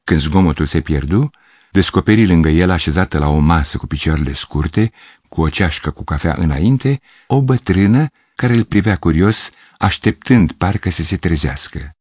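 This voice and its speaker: A man narrating a literary short story in an audiobook, in a measured, steady way. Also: low-pitched, breathy edge, no echo.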